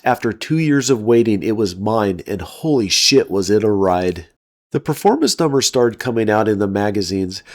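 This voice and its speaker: Man, middle-aged, from the US, scripted narration, animated pitch, enthusiastic. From United States. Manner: enthusiastic, opinionated. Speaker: car channel host.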